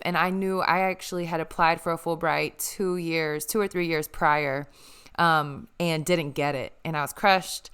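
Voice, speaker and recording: Young female podcast host, earnest and emotional, low-ish crisp bright voice. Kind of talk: casual heartfelt chat.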